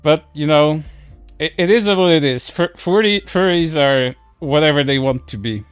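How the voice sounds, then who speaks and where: A man's voice: fairly high pitch, normal speed, smooth, no room sound, soft background music. A man chatting casually on a livestream, speaking bluntly and crudely in a scornful way into a headset mic.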